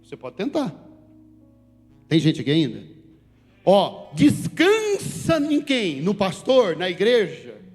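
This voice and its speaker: Male pastor from Brazil, high voice, preaching a sermon, long hall echo, soft music behind. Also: slow pace, pauses often. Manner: animated, shifts between loud calls and soft asides. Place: church sanctuary. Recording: reverberant church hall with faint music.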